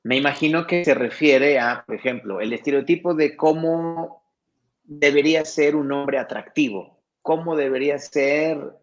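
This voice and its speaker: A man's voice: a little high, unhurried. A man hosting a conversation and passing on viewers' questions with examples. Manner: relays audience questions, gives examples. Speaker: host. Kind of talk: casual interview talk. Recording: dull lo-fi sound.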